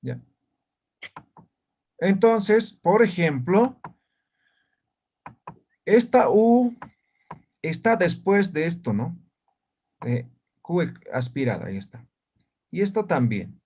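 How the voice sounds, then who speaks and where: A man's voice: high-pitched, lively intonation, slow, long pauses, a little mellow. A man teaching an online language lesson, explaining step by step and often checking understanding with short tag questions.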